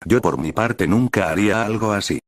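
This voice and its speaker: Un hombre que pone voz a un chico fanfarrón, quejumbroso y exagerado. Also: male voice, fairly low pitch, normal speed, no room sound, studio quality, lightly acted. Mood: exasperado.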